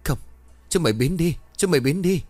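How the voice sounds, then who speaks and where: A man playing a terrified young husband who stammers and shouts in panic. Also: fairly high pitch, animated, normal speed, dry recording, faint music behind, voice pushed up. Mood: panicked.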